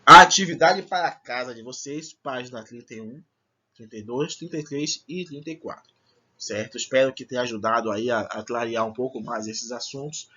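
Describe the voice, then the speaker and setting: Male teacher, bright and sharp tone, explains step by step, dull lo-fi recording. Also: medium pitch, moderate pace, husky. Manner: explanatory, checks in with frequent "certo?". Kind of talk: recorded online Portuguese lesson.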